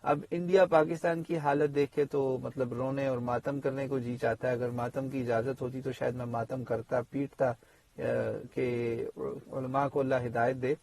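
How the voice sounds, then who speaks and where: A man's voice: mid-range voice, little pitch movement, a little mellow, dry recording. Man teaching Quran pronunciation, dry. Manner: explanatory, full of fillers and asides. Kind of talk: spoken tajweed lesson.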